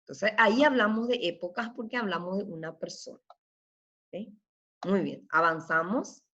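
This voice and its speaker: A woman teaching young pupils, speaking very slowly and patiently in a slightly high voice. She keeps checking that the children follow and praises them often. The audio is a little dull and lo-fi. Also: fairly bright tone. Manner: slow, patient, checks in with "¿sí?" and "¿ok?" constantly. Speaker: primary school teacher. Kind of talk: recorded remote lesson.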